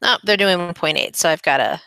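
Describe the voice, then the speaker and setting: Bright, crisp-voiced woman explaining casually. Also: fairly low pitch, fairly quick, no echo, low-quality recording. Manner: chatty and upbeat, with frequent ums. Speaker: kids' coding club instructor. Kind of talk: screen-recording tutorial walkthrough.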